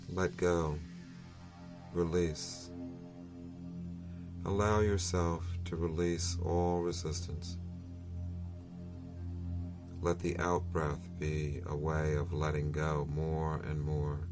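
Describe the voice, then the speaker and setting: Very deep, slow-speaking male meditation guide. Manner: soothing, unhurried, with long pauses. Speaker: meditation teacher.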